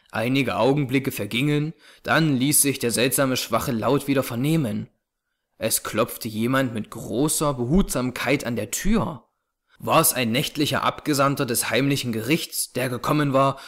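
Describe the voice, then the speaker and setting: A man reading a classic novel aloud as narrator, with measured, suspenseful storytelling. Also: mid-range voice.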